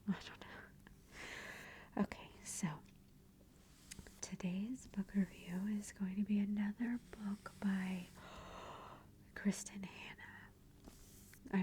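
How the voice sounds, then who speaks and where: Hushed, slow-talking woman doing soft ASMR. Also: medium pitch, slight background noise. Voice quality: hushed, breathy near-whisper. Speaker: ASMR book reviewer. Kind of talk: soft-spoken ASMR book review.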